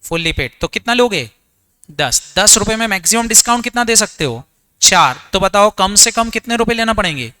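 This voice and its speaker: Bright, crisp male teacher quizzing students. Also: expressive, brisk. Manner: quizzes students, answers his own questions in a low voice; mixes English terms into Hindi. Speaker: accounts teacher. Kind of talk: exam revision lecture.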